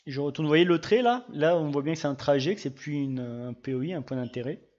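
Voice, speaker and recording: A man giving a casual screen-recorded software tutorial, chatting through each click with little sound words. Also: a little high, brisk, dull audio. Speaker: GIS tutorial presenter.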